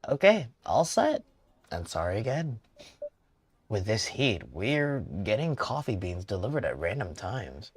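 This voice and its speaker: Casting: a man playing a polite older café owner, slow and measured, warm welcome. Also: fairly low pitch, big pitch swings, slight background noise. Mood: courteous.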